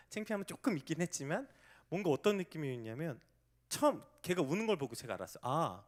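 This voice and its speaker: Korean-style pastor guy preaching, goes from whispery quiet to loud and punchy, bit high voice, pitch jumps all over. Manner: swings from hushed near-whispers to loud emphatic outbursts; acts out quoted voices with sudden high pitch. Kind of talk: sermon.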